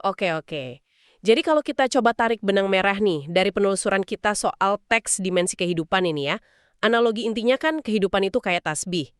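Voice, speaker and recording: A woman's voice: medium pitch, animated, a little fast, clean tone, no room sound, clean studio sound. A woman co-hosting a podcast who sums up points and asks friendly follow-up questions. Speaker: podcast co-host. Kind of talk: casual explanatory discussion.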